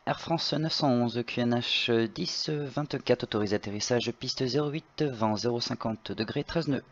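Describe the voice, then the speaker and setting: A man working as an air traffic controller, giving clearances in radio phraseology with a hesitant, polite manner through a computer microphone. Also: normal speed. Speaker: tower air traffic controller in online flight simulation. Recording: dull, muffled low-fidelity microphone.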